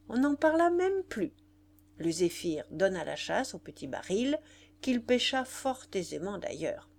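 A woman narrates a literary audiobook at an unhurried pace. Her pitch rises and falls in lively arcs, giving each sentence a careful, expressive shape. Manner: measured, expressive reading.

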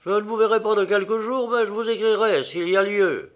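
A man's voice: sits high, a little fast, a bit bright, voice pushed up. A man reading an audiobook aloud, voicing a sly middle-aged count who talks in a clipped, offhand way.

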